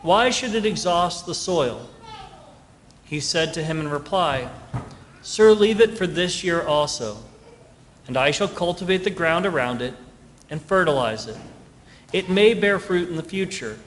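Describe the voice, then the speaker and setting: A male priest preaches in a somewhat high voice, earnest and emphatic, repeating his points. His words ring out with a cathedral echo, a long reverb filling a large church. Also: animated, a little slow, pauses often, slight background noise. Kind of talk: Gospel reading and homily.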